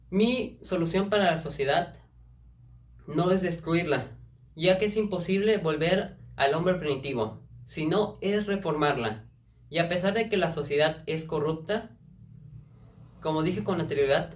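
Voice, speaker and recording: A young man playing an eighteenth-century male philosopher, reciting a steady first-person account for a class presentation. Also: sits high. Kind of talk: student in-character presentation.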